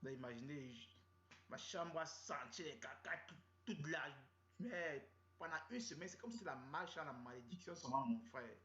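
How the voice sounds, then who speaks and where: A man's voice: a little high, lively intonation, moderate pace, fairly bright tone. Cameroonian man telling a rambling comic story. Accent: Cameroonian French. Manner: rambling, slangy, repetitive. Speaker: comedian storyteller. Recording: roomy, dull lo-fi sound.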